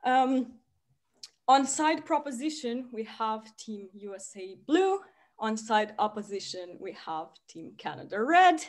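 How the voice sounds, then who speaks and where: A woman from Romania chairing a debate on a video call, friendly and measured, with some fillers. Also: a little high, sing-song. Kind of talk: formal introductions over video call.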